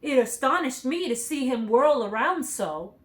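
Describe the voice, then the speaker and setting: A great cowardly lion, timid and sheepish, sounding surprised by everything, with a high and very lively voice. A woman reads him in a children's storybook. He comes across as meek, not fierce. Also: unhurried. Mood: curious. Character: big cowardly male lion, timid and ashamed.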